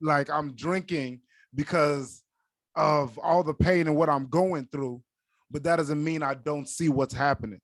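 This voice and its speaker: On a podcast, a young co-host whose native language is Yoruba chats casually and earnestly, relying heavily on "like." He speaks at a measured pace in a voice on the high side, with no room sound.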